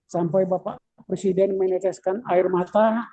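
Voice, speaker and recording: A male teacher speaking slowly and haltingly over a video call from a phone, his voice cutting in and out. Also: high voice, steady tone, mellow, no room sound. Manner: slow, halting, with many pauses. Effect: choppy, breaking-up call audio. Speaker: teacher calling in to an online meeting. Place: inside a lift. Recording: dull, dry, cutting-out call line.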